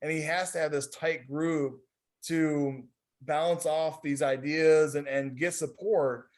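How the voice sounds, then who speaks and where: A man's voice: fairly high pitch, steady tone, slow pace, a little mellow. A man leading a focus group discussion, talking casually and rambling with many fillers over a video call. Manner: rambling, heavy on fillers like "you know".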